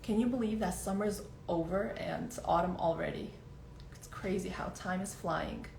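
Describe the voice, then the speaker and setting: Upbeat woman host, slightly gravelly voice. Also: fairly low pitch, moderate pace, a little mellow. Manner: friendly, upbeat, fills waiting time with small talk. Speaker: podcast host. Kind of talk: live-streamed interview. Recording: echoey room with faint background noise.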